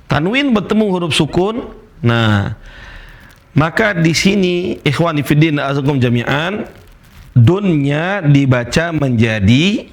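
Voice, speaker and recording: Slow, patient man teaching Quran recitation. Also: fairly high pitch. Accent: Indonesian. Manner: patient, repeats examples and asks the class questions. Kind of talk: tajwid lesson with recited examples.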